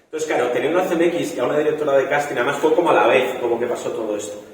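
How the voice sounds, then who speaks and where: A young Spanish man, a film director, telling lively stories at a festival talk and acting out the voices he quotes. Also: medium pitch, rapid-fire, a little hiss or hum. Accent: Spain. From Spain. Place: large echoey hall. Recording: echoey hall from far off.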